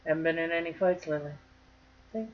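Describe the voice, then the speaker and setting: This crochet vlogger from northern Michigan has a low voice and talks fast. She chats casually to the camera in a folksy, joking way, and the lo-fi recording sounds slightly dull.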